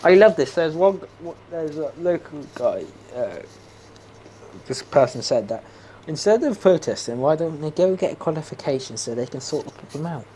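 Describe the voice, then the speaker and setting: A man's voice: on the high side, animated, moderate pace, warm tone. Young guy rambling over a game, opinions everywhere, bit of background hiss. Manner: rambling, opinionated, laughs often. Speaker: gaming streamer. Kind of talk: casual chat while playing a game.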